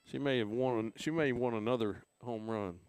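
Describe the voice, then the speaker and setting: A man with an Oklahoma accent calls a softball game play-by-play, easygoing and chatty. His voice is gravelly, and the sound is dry and close on a headset mic. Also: mid-range voice, moderate pace, no echo. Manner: relaxed conversational play-by-play. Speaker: play-by-play announcer. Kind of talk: local softball commentary.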